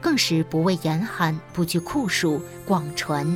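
A woman anchoring a news program, announcing the stories with lively intonation. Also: low-pitched, unhurried, over loud music. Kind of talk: scripted news narration.

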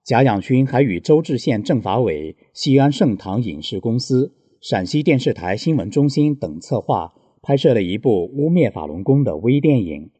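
A man reading scripted news in a steady, formal way. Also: mid-range voice, normal speed, hardly any pauses, slightly rough, dry recording. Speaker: news reader.

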